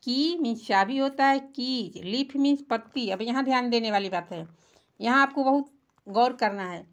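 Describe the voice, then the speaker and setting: A woman's voice: on the high side, normal speed. A woman teaching children English singular and plural words, patiently spelling them out letter by letter. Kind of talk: children's English vocabulary lesson.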